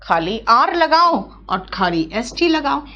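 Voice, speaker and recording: A woman teaching English grammar in a live online class, correcting students briskly and calling them by name. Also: high voice, very animated, bright, forceful tone, dull audio. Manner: brisk, scolding, addresses students as beta.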